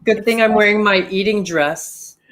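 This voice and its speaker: A man's voice: high-pitched, fairly bright tone. Sassy drag queen co-host. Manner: sassy, quick quips. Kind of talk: casual chat on a live show.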